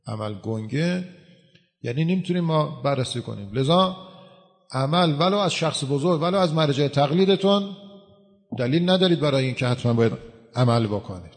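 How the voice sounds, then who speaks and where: Male cleric, gravelly voice, explanatory sermon, long hall reverb. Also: medium pitch. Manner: explanatory, uses everyday examples. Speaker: cleric answering questions. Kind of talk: religious talk to a gathering.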